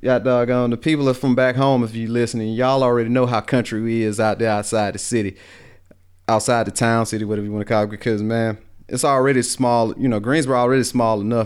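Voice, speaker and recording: Southern podcast host, rural Alabama accent, lower-pitched, smooth and resonant, rambling folksy delivery with lots of restarts. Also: male voice. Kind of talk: casual solo podcast monologue.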